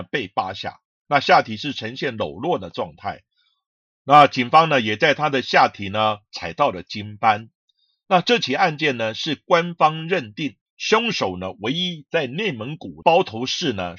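A man's voice: medium pitch, sharp tone, slightly rough, no echo, lo-fi sound. A man narrating true crime in short, emphatic phrases.

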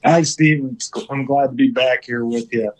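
A man's voice: mid-range voice, fairly even intonation, moderate pace, slight background noise, poor audio. An American man from Pennsylvania chatting casually as a guest on a podcast. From Pennsylvania, United States. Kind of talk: casual chat.

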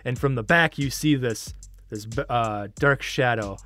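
A man narrating as game master in a relaxed, halting way with many fillers. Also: mid-range voice, soft background music.

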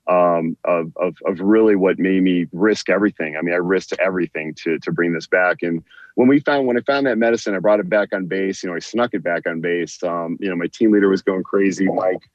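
Man, low voice, rambling storyteller, restarts a lot, muffled dry lo-fi sound. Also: steady tone, brisk, no room sound. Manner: rambling, repeats words and restarts often. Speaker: guest, veteran author. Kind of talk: storytelling in an interview.

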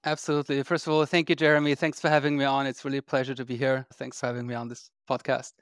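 Measured male guest from Austria, smooth voice, dry close recording. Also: medium pitch, little pitch movement, dry recording. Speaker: guest investor. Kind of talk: podcast interview.

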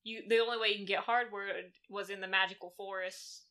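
A woman's voice: mid-range voice, fairly even intonation, brisk, bright, forceful tone. A woman co-hosting a casual podcast, laid-back, often giving short answers with fillers. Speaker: podcast co-host.

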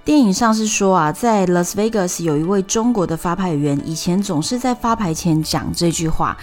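Telling a story on her podcast, the host speaks at an ordinary pace in a slightly low voice, with a Taiwanese Mandarin accent. She's relaxed and chatty, walking through each point patiently and drawing out particles, while gentle music plays quietly underneath.

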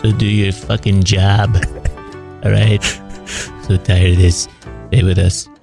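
A gravelly, deadpan male host introducing an improv comedy podcast. His low voice stays almost flat throughout. Guitar music plays behind him. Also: takes it slowly. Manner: deadpan, gruff.

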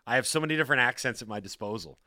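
A man hosts a sports talk show from the studio, joking around and reading sponsor spots with a bouncy lilt. His voice is bright and swings up and down a lot. The sound is dry and close, with no room around it. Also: mid-range voice, racing, no room sound. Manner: animated, jokey, reads ads with a bouncy lilt. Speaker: sports radio host. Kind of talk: casual sports radio banter. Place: radio studio. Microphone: studio microphone.

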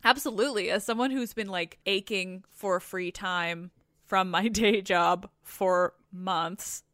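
A woman's voice: mid-range voice, slow, a bit bright, dry recording, studio quality. A young Canadian woman hosting a podcast, chatting casually and with self-deprecating humour. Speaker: podcast host. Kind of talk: casual conversation.

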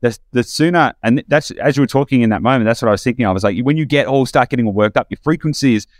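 A man's voice: mid-range voice, racing, no echo. Male host, mid-range voice, casual reflective musing, dry studio sound. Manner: reflective, enthusiastic, rambling with restarts. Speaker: podcast host. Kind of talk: casual podcast conversation.

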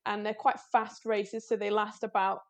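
A woman's voice: medium pitch, little pitch movement, normal speed. Chatty self-deprecating woman. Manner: chatty, self-deprecating, laughs often, many restarts. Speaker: guest, cyclist. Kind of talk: casual interview chat.

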